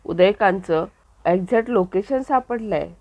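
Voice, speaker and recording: A woman's voice: medium pitch, unhurried, a little mellow, no room sound, highs cut off, natural voice. A woman voicing a firm, direct young male hero in a read-aloud story recap.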